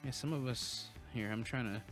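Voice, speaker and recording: A man hosting his own livestream, rambling in a loose, musing way with plenty of restarts and casual swearing. His voice sits at an ordinary middle pitch, with faint music playing behind him. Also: moderate pace. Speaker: livestream host.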